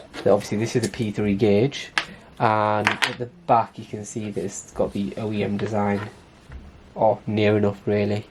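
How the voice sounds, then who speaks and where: Guy with a stuffy nasal voice, kinda low, talking through a car fit-up, loose and chatty, faint noise behind. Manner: chatty, relaxed, many fillers like "obviously". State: nasal, congested voice. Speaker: car vlogger. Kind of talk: casual how-to vlog.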